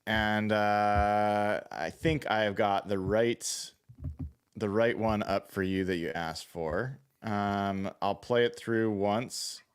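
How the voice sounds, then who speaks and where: A man hosting a casual podcast, asking quick questions in a relaxed way. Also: fairly low pitch, clear, resonant tone. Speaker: podcast host.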